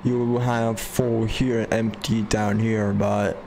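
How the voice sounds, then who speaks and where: A man's voice: fairly low pitch, level tone, slow pace, a little mellow, slight background noise. A man casually narrating his live gameplay, rambling and describing each thing he does, sometimes slipping into a joking southern drawl. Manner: puts on a self-mocking southern drawl at times. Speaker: gamer streaming live. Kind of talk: casual live game commentary.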